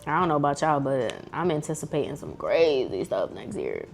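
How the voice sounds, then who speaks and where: A woman's voice: low-pitched, very animated, brisk, gravelly, faint music behind. A woman speaking to camera in an earnest, emotional personal faith testimony, casual and full of slang. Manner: earnest, fervent, casual slang-filled talk. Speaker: vlogger sharing a faith testimony. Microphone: camera mic.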